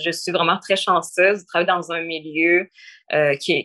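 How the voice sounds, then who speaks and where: A woman's voice: fairly low pitch, bright, forceful tone. A young woman in her twenties with a Québécois French accent, answering interview questions thoughtfully with frequent hesitations. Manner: thoughtful, frequent fillers and restarts. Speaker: interview guest.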